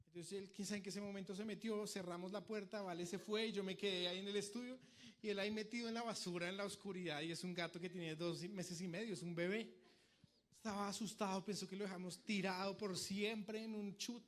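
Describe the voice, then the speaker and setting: A young male preacher with a notably high voice delivers a sermon in a church. He tells homely stories with lively energy, acting out cries and pleas as he goes. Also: fairly quick. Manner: lively storytelling, acts out shouts and pleas.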